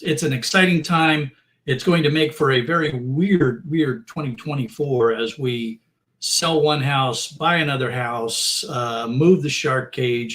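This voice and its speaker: A man's voice: fairly high pitch, fairly bright tone. A middle-aged man hosting a casual livestream chat, rambling and friendly, with many fillers and restarts. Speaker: host.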